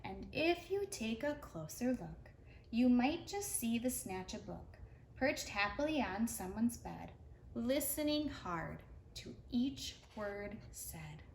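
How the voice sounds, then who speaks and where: With a fairly high voice, big swings in pitch, and a slow pace, a woman reads a rhyming picture book expressively for preschoolers. She's a storyteller for young children, recorded in a roomy space with faint background noise.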